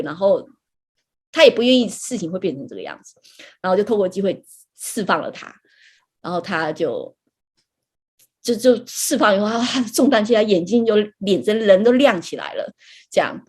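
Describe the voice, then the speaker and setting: Husky-voiced woman telling her faith story. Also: medium pitch, expressive, fairly quick, long pauses, a little mellow. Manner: chatty storytelling, frequent light laughs and tag particles. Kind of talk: conversational personal testimony.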